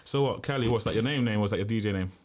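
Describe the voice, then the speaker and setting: A man hosting a podcast who chats casually in a quick, slangy way. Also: lowish voice, darkish tone. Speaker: podcast host.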